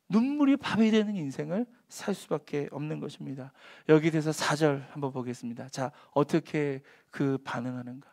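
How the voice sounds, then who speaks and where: A man preaching a sermon as pastor, dropping to hushed whispers and then rising to loud, emphatic lines, and acting out quoted taunts in a sneering voice. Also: on the high side, gravelly.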